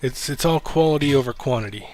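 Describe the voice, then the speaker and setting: Rambling, swearing livestream host guy. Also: quick pace. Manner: rambling, self-deprecating, swears casually; low-key, speaks of himself as monotone. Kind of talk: casual livestream chat.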